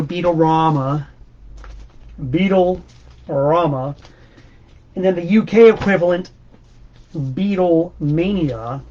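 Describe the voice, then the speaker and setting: High-voiced enthusiastic man hosting. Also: highs cut off. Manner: enthusiastic, rambling, emphatic. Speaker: host. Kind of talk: casual record-collector monologue.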